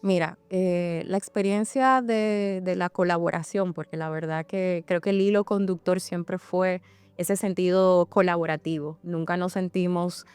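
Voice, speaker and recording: A woman's voice: lowish voice, steady tone, unhurried, darkish tone, clear, resonant tone, faint music behind. A woman, giving reflective, explanatory answers as an academic guest in a conversational interview.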